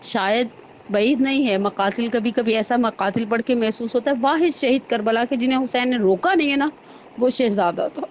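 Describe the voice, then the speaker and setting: A high-pitched woman preaches a mourning sermon with passionate, lamenting intensity. Her voice climbs toward anguished cries as she recites. The recording sounds slightly dull, with faint noise underneath. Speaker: zakira (religious mourning orator). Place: women's mourning gathering.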